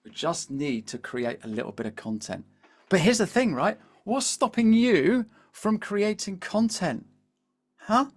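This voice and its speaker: A British man leading a live webinar as a coach, chatty and animated, constantly asking the audience to reply in the chat. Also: high-pitched, a little slow, soft background music. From Britain. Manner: peppers speech with "all right?" and "here's the thing". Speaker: LinkedIn coach.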